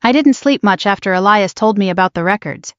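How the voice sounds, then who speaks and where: A woman in her sixties telling a first-person story as a steady, scripted narrator. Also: medium pitch, fairly quick, no room sound. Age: 60s. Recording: dull lo-fi dry voice track.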